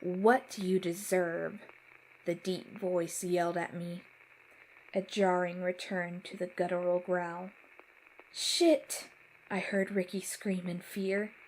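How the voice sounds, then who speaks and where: A woman reading a first-person horror story aloud in a measured, dramatic way. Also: mid-range voice, darkish tone, a little hiss or hum, low-quality recording. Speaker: story narrator. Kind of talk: scripted horror narration.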